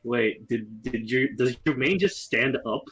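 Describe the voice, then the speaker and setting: A man's voice: mid-range voice, a little slow, fairly bright tone, husky. A man chatting casually as a player in a tabletop fantasy game.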